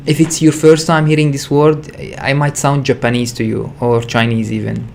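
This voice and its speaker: A man hosts a livestream as a spiritual teacher, speaking unscripted and earnestly, repeating and rephrasing his ideas with searching, frequently hesitant phrasing. His mid-range voice is gravelly and darkish, with little pitch movement, at a moderate pace. A little hiss or hum is audible.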